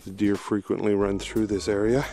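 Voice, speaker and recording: Man, low voice, slightly out of breath, relaxed outdoor walk-and-talk narration recorded on camera with music behind. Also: normal speed. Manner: relaxed, observant, easygoing guide. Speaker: vlogger on a woodland walk. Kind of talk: casual walking narration. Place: outdoors in snowy woods.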